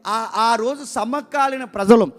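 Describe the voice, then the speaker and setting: A man's voice: extremely high pitch, slow, fairly bright tone. A man preaching a sermon, firing rhetorical questions at his listeners, repeating key words for emphasis and urging them to listen well.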